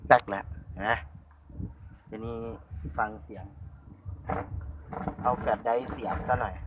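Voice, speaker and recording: A man's voice: fairly low pitch, fairly even intonation, unhurried, fairly bright tone, slight background noise. A man with an Isan Thai accent giving a hands-on electronics repair tutorial in a chatty, repetitive style at a workbench.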